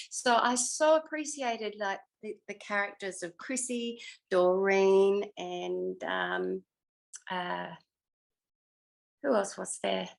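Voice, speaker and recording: Speaking in a mid-range voice with vocal fry, this former actor is an older woman with an Australian accent. She's being interviewed casually and pauses hesitantly while digging through her memories.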